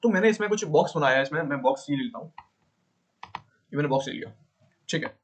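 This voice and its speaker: Teaching coding to beginners in a relaxed style, a man with a fairly high, expressive voice goes over points more than once and answers his own questions. He frequently stops to correct his drawing.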